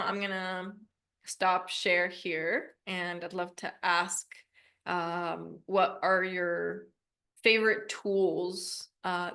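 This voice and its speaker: A woman's voice: lowish voice, vocal fry, fairly bright tone. A woman teaches an online class in an informal, upbeat, chatty way. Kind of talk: casual live software demo. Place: online video class with screen share.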